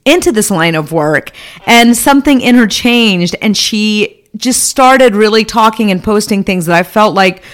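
A woman hosting her own interview podcast, with a voice of middle pitch. She asks her questions in a friendly, enthusiastic way. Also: expressive, a little slow. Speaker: podcast host.

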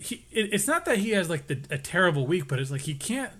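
A man co-hosting a podcast, chatting casually and lively about a TV episode with playful asides. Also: sits high, quick pace, slightly rough. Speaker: podcast co-host. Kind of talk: casual chat recapping a TV episode.

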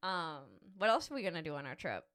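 A woman's voice: deep voice, very animated, quick pace, fairly bright tone. A woman co-hosting a casual family podcast as a mother, talking in a playful, teasing and encouraging way.

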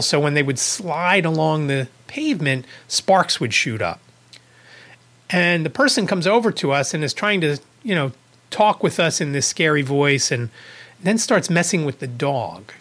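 A man with a somewhat high-pitched voice hosts his own podcast and tells a long personal story. He talks casually and rambles, restarting sentences and correcting himself. He drops in small chuckling asides along the way. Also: animated, moderate pace, fairly bright tone. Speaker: podcast host.

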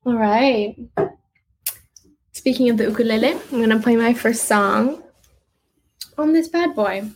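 A young woman talking casually about her music in an interview, chatty and quick to laugh, with lots of "like" in her speech. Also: a little high, husky, rough recording. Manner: chatty, uses "like" a lot, laughs easily. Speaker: guest musician.

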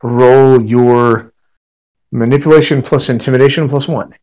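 A man runs a tabletop role-playing game as game master. His mid-pitched voice describes scenes haltingly, assembling them piece by piece as he talks. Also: fairly even intonation, lo-fi sound.

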